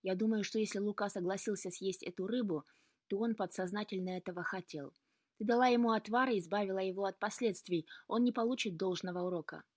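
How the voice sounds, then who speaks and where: A woman reading the lines of a resolute, earnest grown man and father in a story, in a calm, steady way. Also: medium pitch, fast, no room sound, studio quality, natural voice.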